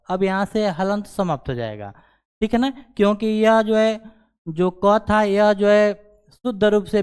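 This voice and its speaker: Slow, smooth-voiced male Hindi grammar teacher. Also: high-pitched. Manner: repeats "ठीक है ना" as a check-in filler. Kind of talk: slow explanatory grammar lesson.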